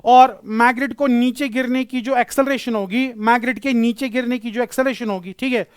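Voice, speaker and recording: Man, physics teacher, very high voice, dry close sound, patient lecture. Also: steady tone, normal speed, smooth, no room sound. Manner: explains patiently, calls students beta, repeats key phrases. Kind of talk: classroom lecture.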